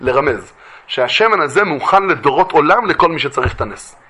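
A man with a bright, crisp voice set slightly high tells a religious lesson as a lively story. He acts out the voices of the people in it. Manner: animated, acts out the voices of the figures. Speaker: religious teacher.

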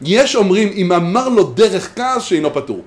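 Animated man teaching Talmudic law. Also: sits high. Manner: animated, chanting quoted texts. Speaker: Torah teacher. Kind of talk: Talmudic lecture.

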